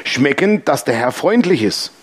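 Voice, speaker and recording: A man preaching a sermon, telling lively personal stories and acting out the dialogue. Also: medium pitch, measured pace, husky. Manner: lively storytelling, acts out dialogue. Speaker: pastor.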